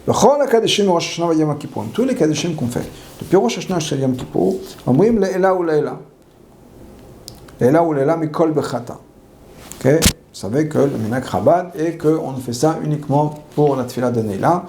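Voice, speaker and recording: Male rabbi teaching a law class, gravelly and dark-toned, reads Hebrew then explains, repeats key phrases. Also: on the high side, a little hiss or hum. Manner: asks questions and answers them himself.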